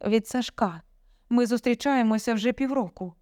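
Brief: woman doing a young storybook daughter, tearful but defiant, higher voice, dry sound. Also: moderate pace, darkish tone, no echo, close to an everyday voice. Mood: pleading. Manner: pleading then defiant, emotional.

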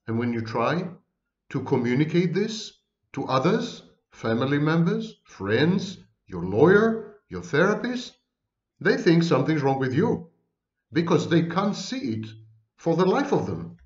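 A man with a thick foreign accent, lecturing on psychology in an emphatic way, stacking word after word with long pauses. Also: fairly high pitch, big pitch swings, echoey room, dull audio. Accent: foreign accent, non-native English. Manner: emphatic, lists words one by one with long pauses. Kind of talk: lecture to camera.

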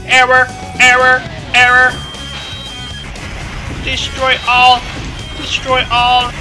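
A man's voice: very high voice, pitched above the performer's own voice. A man voicing a glitching male combat robot that loops commands and error messages while playing a game. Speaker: let's play commentator. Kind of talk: voicing a game character over gameplay.

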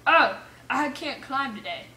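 Playing through an adventure map for an audience, an excitable gamer exclaims and mutters to herself in a bright, high voice, though she never rushes. It's casual let's play commentary, picked up by a distant mic in a room with echo and faint noise.

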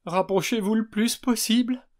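A man's voice: high-pitched, fairly even intonation, normal speed, pitched above the performer's own voice, lightly acted. A man voicing a small, exhausted young girl. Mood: weary. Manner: weary, soft.

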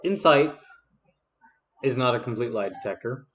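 A man narrating a tabletop game as game master, describing things deliberately, phrase by phrase. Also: medium pitch, expressive, a bit bright, a little hiss or hum. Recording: dull, echoey video-call audio.

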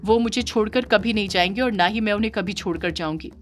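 A woman's voice: medium pitch, fast, faint music behind, close to an everyday voice. A woman voicing a devoted, defiant female yakshini spirit in an audio horror story, speaking firmly. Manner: firm, defiant.

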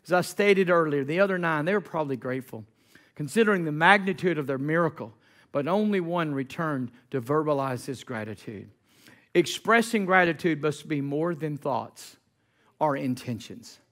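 High, bright-voiced male preacher. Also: animated, normal speed. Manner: emphatic preaching that builds to shouted call-and-response; repeats key phrases for emphasis. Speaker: pastor. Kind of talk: sermon. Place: church sanctuary.

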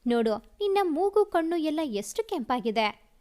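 A woman's voice: high voice, very animated, measured pace, a little mellow. A woman voicing an affectionate young husband who coaxes and teases his wife in a storybook reading. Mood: tender coaxing. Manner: coaxing, tender.

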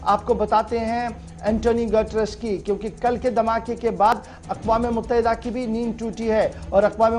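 A man's voice: high voice, darkish tone. Formal male TV news anchor. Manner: formal, measured. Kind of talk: Urdu-heavy newsreading and live cross. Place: TV news studio.

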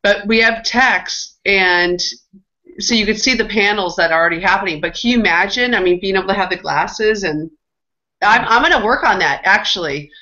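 A woman's voice: medium pitch, normal speed, sharp tone. A woman guest and conference organizer chatting on a video call, upbeat and planning aloud. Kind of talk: casual video-call conversation. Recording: dull lo-fi video-call audio.

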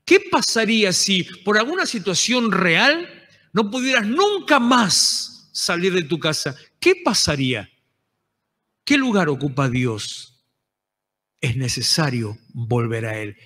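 Pastor, Rioplatense man, fiery sermon delivery; high, bright voice in a reverberant church hall. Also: big pitch swings, takes it slowly. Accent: Rioplatense Spanish. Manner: impassioned preaching, rising to shouted exhortations.

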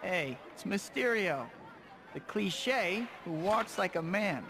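A man's voice: high voice, lively intonation, slow, vocal fry, noisy background, exaggerated voice. A man playing a young, cocky, wisecracking superhero in a video game cutscene, with a sarcastic, quippy manner. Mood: mocking, amused. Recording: loud music over the voice.

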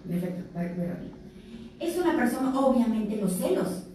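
Give me a Mexican woman giving a chatty talk to teens, a bit high-pitched and recorded from a distance. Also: big pitch swings, normal speed, dark tone. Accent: Mexican Spanish. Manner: conversational, acts out quoted abusers and victims. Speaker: speaker at a health fair talk for teens. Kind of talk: informal lecture to teenagers. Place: event room. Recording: very echoey room, distant mic, faint noise.

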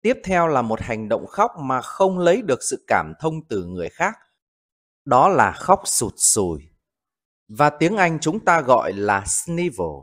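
A man teaching English vocabulary, repeating each example sentence slowly for learners. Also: mid-range voice, very animated, a bit bright. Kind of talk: vocabulary lesson narration.

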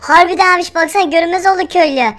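A man putting on an excitable kid sibling's voice in a Minecraft role-play. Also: very high voice, racing, pitched above the performer's own voice. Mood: excited.

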